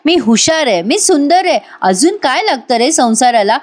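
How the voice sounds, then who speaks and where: A woman voicing a spurned young woman who shouts and pleads in anger, read aloud in a voice-over episode recap. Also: high-pitched, big pitch swings, normal speed. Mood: pleading.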